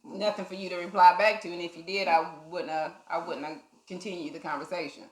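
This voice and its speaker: A woman co-hosting a podcast, explaining her view in a calm, matter-of-fact casual way. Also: on the low side, fast, echoey room, low-quality recording. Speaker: podcast co-host. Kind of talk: casual conversational chat.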